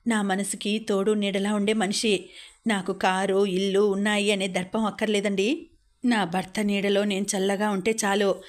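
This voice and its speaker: A woman's voice: medium pitch, lightly acted. A woman reading aloud voices a young wife who pleads with her husband through tears in a storybook. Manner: pleading, reproachful. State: crying. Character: young neglected wife, tearful and hurt.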